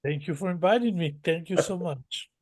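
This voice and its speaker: A guest from northern Mexico tells a rambling, detailed story in a conversational interview, restarting often. His voice is on the high side and a little mellow, at a moderate pace.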